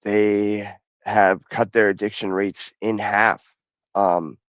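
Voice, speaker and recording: Low-voiced, measured middle-aged man. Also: flat delivery, a bit bright, no room sound, highs cut off. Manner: measured, reflective, some restarts. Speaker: podcast guest. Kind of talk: podcast interview.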